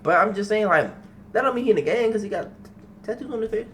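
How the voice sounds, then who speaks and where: A man's voice: high-pitched, expressive, quick pace, fairly bright tone, slight background noise. A young man hosting a reaction video, talking casually with profanity and repeating himself.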